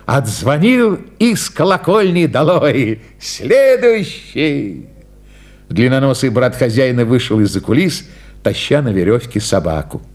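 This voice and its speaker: A man reading a story aloud at an unhurried pace, voicing the characters in dialogue. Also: mid-range voice, very animated.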